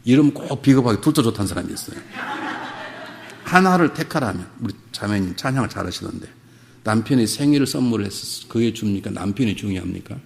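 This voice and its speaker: A man's voice: fairly low pitch, expressive, fast talker, gravelly, slight background noise. A middle-aged male pastor preaching a revival sermon, moving between humorous storytelling and fervent exhortation.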